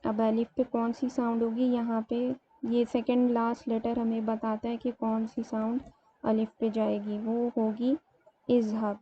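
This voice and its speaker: A woman's voice: fairly high pitch, level tone. Woman teaching grammar, step by step. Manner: explains step by step, slows to spell out words. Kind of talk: grammar lesson. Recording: dull lo-fi sound, faint room noise.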